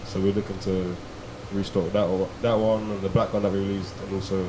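A man's voice: deep voice, level tone, brisk. A young man with a south London accent talking casually about his brand in a group interview. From Croydon, south London, England. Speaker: streetwear brand member being interviewed. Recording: clearly noisy background ambience.

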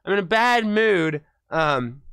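A man hosting a casual livestream, rambling and profane, dramatically swinging between muttering and shouting. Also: high voice, lively intonation, slow, gravelly, clean tone, no room sound, clean studio sound. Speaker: talk show host. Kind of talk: casual livestream rant and chat.

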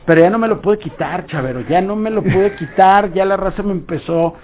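A man's voice: high-pitched, a little fast, slight background noise. A Mexican man telling a rambling anecdote on a radio show, acting out bits of dialogue. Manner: rambling storytelling with acted-out dialogue. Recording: tinny phone-like sound.

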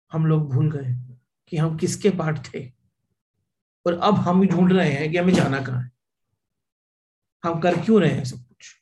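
A man giving a spiritual discourse on scripture, weaving a parable into his teaching. His voice sits a little high for a man. His pace moves between brisk stretches and slow, stressed phrases, and he drops English words into his speech. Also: a little mellow, low-quality recording.

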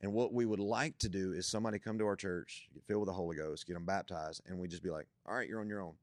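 A man's voice: deep voice, fairly even intonation, fast talker, a little mellow, no room sound. A young man, a guest on a church podcast, talking about faith in an emphatic, preacherly way that builds to strong points.

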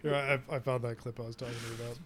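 A man's voice: mid-range voice, flat delivery, very fast, a bit bright. Offhand joking podcast man. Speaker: podcast co-host. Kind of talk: casual podcast banter.

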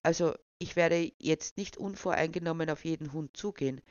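A man's voice: fairly high pitch, normal speed, smooth, no room sound, lightly acted. A storyteller voicing a shy young man who is afraid of dogs and speaks hesitantly and earnestly, on a dull, dry recording.

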